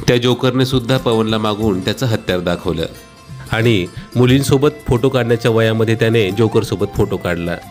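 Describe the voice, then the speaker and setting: A man in his thirties giving a scripted, deadpan comic voice-over for a travel vlog. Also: on the low side, a little fast, faint music behind. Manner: deadpan wry humor.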